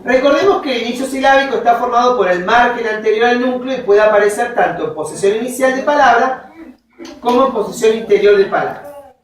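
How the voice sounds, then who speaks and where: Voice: mid-range voice, brisk. A university teacher giving a linguistics lecture, dictating from notes, spelling out examples word by word and checking in with short questions to the class. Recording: very echoey classroom, voice from far off.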